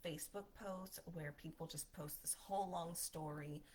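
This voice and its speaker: Casting: woman with a low voice, cheerful instructor talking over slides, friendly and chatty. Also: fairly even intonation, moderate pace, darkish tone, breathy edge. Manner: upbeat, smiling, conversational. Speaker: marketing instructor. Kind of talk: presentation voiceover lesson.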